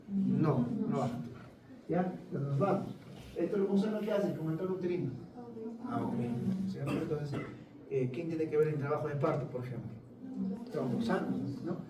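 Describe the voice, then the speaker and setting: A man's voice: high voice, warm tone, far from the mic, a little hiss or hum. Man lecturing from across an echoey classroom. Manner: quizzing students with quick questions and answers. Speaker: pharmacology lecturer. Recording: echoey room, voice from off-mic.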